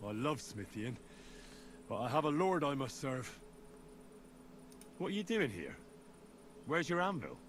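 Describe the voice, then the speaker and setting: A man's voice: mid-range voice, very animated, measured pace, long pauses, fairly bright tone, a little hiss or hum. An actor playing a self-assured male fighter who serves a lord, in video game dialogue. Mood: blunt.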